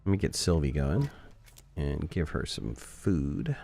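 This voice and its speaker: A man's voice: a bass voice, very animated, slow, creaky, mellow, faint music behind. A man chatting casually with his viewers while he streams a game, joking around and answering chat.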